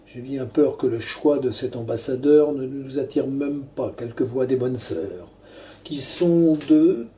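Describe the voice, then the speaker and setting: A man's voice: mid-range voice, warm tone. A man declaiming a satirical verse monologue like a hammy stage actor, grandiloquent and pompous. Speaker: performer reciting a comic verse tirade.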